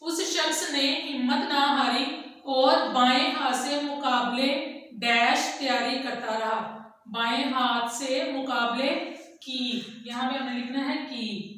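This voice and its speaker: A woman teacher with a Pakistani Urdu accent leads an online lesson, slowly spelling out sentences word by word. Her voice is high and bright. It sounds distant, in a strongly echoing room. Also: fairly even intonation. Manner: slow, dictating word by word.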